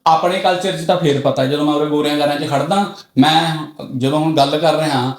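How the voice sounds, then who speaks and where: A middle-aged man from Punjab, a podcast guest telling stories candidly and getting loud and excited as he talks. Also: fairly high pitch, a little fast. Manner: loud and excitable when talking. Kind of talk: candid conversational storytelling. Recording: roomy echoey room.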